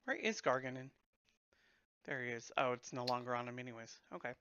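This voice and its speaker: A man acting as game master, casually narrating a tabletop game with measured, hesitant turn announcements. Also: medium pitch, bright, forceful tone, clean tone, highs cut off.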